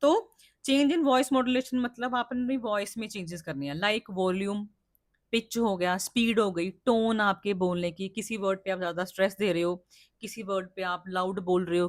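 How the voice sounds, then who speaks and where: A woman's voice: on the high side, no echo, clean studio sound. A woman teacher explaining teaching skills to trainee teachers, who often asks questions and answers them herself and checks that the class understands. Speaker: teacher educator.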